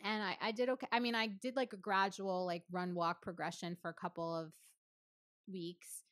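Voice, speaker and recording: A woman's voice: medium pitch, level tone, moderate pace, fairly bright tone, dry recording, clean studio sound. A woman physical therapist in her thirties, chatting casually and telling a story with lots of fillers and laughter. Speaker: physical therapist and podcast co-host. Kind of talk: casual chat.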